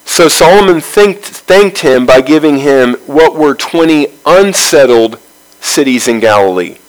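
A man leading a Bible study, reading scripture aloud and then explaining it verse by verse in a measured way, with pauses between phrases. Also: a little high, lively intonation, poor audio.

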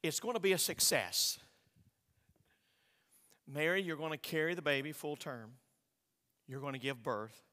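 A man's voice: on the high side, a little slow, long pauses, bright, forceful tone, big-room sound. A male pastor preaching a sermon, emphatic, repeating his words and asking his congregation rhetorical questions.

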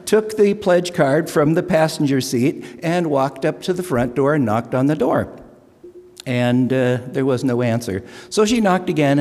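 In a church sanctuary with long reverb, an older man with a medium-pitched, darkish voice speaks to his congregation as a lay speaker for the stewardship pledge drive. He makes a humorous announcement, telling folksy stories, cracking jokes and poking fun at himself.

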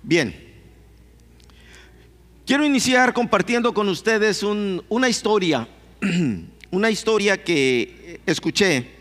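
A man's voice: high voice, fairly bright tone. A man preaching to a congregation, telling a story and asking them questions. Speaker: pastor. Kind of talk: sermon. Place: church hall. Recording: long hall reverb.

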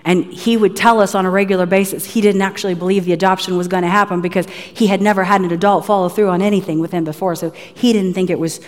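A middle-aged woman preaching a sermon in a lively, conversational way, full of casual asides to the congregation. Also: mid-range voice, fast, hardly any pauses. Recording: long hall reverb.

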